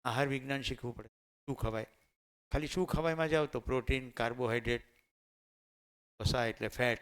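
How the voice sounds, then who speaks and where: A man's voice: medium pitch, a bit bright, clear, resonant tone. Gujarati man lecturing a room of teachers. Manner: asks the audience questions and answers them himself; mixes in Hindi and English terms. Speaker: teacher trainer.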